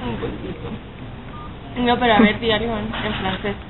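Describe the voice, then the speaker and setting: A woman's voice: medium pitch, steady tone, moderate pace, noisy background. A woman teasing a friend in casual chat in a car, over tinny phone-like audio with music. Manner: teasing, pushy.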